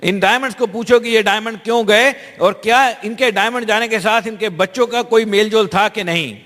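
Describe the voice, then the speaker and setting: High-voiced male interpreter in a hall. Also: fairly quick, a bit bright. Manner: fluent, conversational, with small restarts. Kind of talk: live consecutive interpreting. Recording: long hall reverb.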